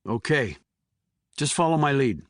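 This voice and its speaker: A man's voice: mid-range voice, big pitch swings, unhurried, no echo, clean studio sound. A man voicing a terse, controlled male army investigator in an audiobook.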